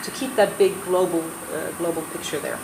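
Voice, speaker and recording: Her voice sits fairly low and moves briskly as she argues earnestly and persuasively on a roundtable panel, frequently starting over. She's Dutch by birth, raised in the US with an American accent, and the recording has echo and background noise.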